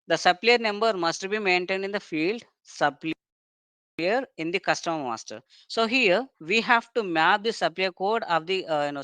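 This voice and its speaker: This is a software trainer methodically explaining technical material, with a mid-range voice that sounds clean and smooth. The recording is dry without room echo, and explanations tend to close on brief checking tags.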